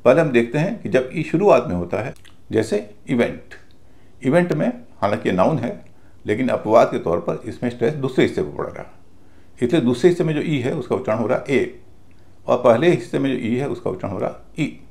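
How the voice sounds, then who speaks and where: A male teacher giving a pronunciation lesson, speaking slowly and deliberately and spelling out words letter by letter. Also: medium pitch, very animated, vocal fry, darkish tone.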